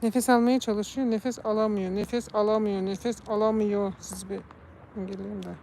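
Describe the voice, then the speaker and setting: A woman's voice: medium pitch, level tone, moderate pace, creaky, warm tone, slight background noise. A woman from Turkey chatting casually on a live stream, talking about and calling to her cats. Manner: chatty, coos and calls to her cats in a raised voice.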